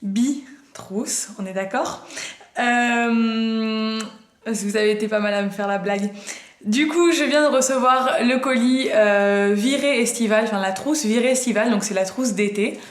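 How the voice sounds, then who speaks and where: A woman's voice: on the high side, moderate pace. Woman in her twenties, casual unboxing chat, chatty, lots of fillers, echoey room. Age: 20s. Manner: chatty, hesitant with many fillers, self-mocking jokes. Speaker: beauty vlogger.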